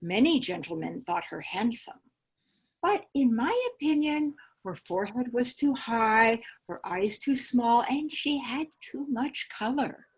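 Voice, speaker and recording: A woman reading the part of a cool, composed genteel older lady who lectures in a measured, prim way, over a video call. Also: on the high side, animated, slightly rough, full character voice, low-quality recording.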